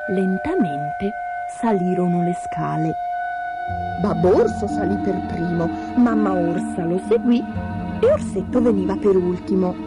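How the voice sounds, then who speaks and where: A woman reading a fairy tale aloud expressively, slowing down for suspense. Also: on the low side, animated, loud music behind the voice. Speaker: storyteller.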